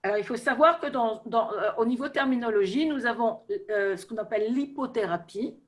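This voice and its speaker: A woman's voice: fairly high pitch, brisk. A non-native French-speaking woman with a foreign accent, explaining her field off the cuff and often searching for words. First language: not French. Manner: hesitant, searching for words, seeking agreement with tags. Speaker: therapeutic riding professional on a panel. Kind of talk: unscripted explanation in an online meeting. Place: web video meeting.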